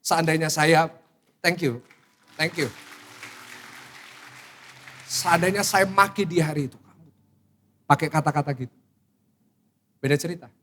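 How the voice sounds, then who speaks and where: Animated male pastor. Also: a little high, a little slow, pauses often, slight background noise. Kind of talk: sermon with personal anecdotes. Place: church sanctuary in front of a congregation.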